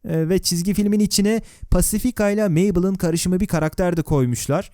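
A high-pitched man with a dark tone speaks fairly quickly, narrating a video in a dry recording made close on a voice-over mic. His scripted, conversational delivery includes sarcastic, wry asides and questions posed to the viewer.

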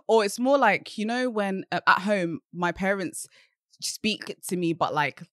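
A young woman who grew up in Britain, chatting as an interview guest on a studio boom mic, laughing and quoting herself often. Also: lively intonation, unhurried, a bit bright, dry recording. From Zimbabwe, raised in Britain. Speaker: guest, tech consultant. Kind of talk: casual interview. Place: studio with sofa and plants.

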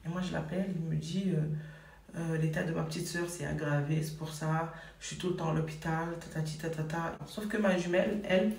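A woman's voice: low voice, steady tone, a little fast, vocal fry, a little mellow, distant mic. Chatty woman telling a story in an echoey room. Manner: chatty, many fillers and "et tout". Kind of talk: casual personal storytelling.

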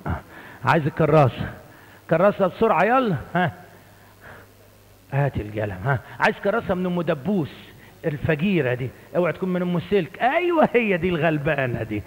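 A man preaching with an Egyptian Arabic accent, in a high, brisk voice. He leads the congregation in call-and-response, pausing for them to repeat words back to him. His voice carries a long reverb through the church hall. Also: husky. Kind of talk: sermon.

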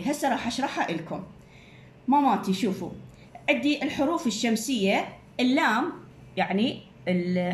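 A woman teacher with an Iraqi Arabic accent explaining a grammar lesson to children, slowly repeating each word. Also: a little high, slight background noise. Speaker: primary school teacher.

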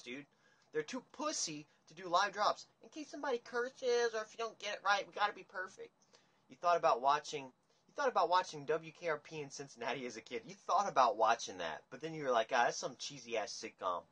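A young man hosting a casual livestream chat, ranting in a rambling, profane, animated way. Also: a little high, brisk. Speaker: livestream host. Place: dim room indoors. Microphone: phone camera at table.

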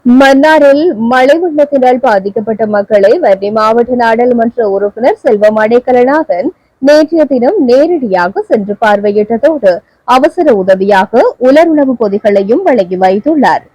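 High-voiced Sri Lankan Tamil newsreader woman. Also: no room sound, rough recording. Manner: steady, measured, formal delivery. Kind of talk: formal news reading.

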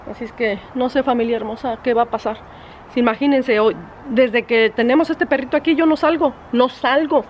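A woman vlogging casually from home, chatty and exasperated, sometimes breaking off to scold her dog in sharp high bursts. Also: a little fast, highs cut off, a little hiss or hum. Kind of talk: casual vlog chat. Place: at home, indoors and outdoors.

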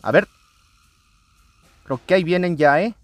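Excitable man narrating a game. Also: a little high, measured pace, no room sound, highs cut off. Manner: excitable, often addresses viewers as friends. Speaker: gaming channel host. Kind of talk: let's play commentary.

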